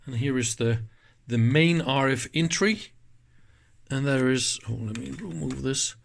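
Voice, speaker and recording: With a medium-pitched voice showing vocal fry, an electronics teardown channel host speaks at a measured pace. His hands-on technical demonstration comes across as casual, informal and enthusiastic.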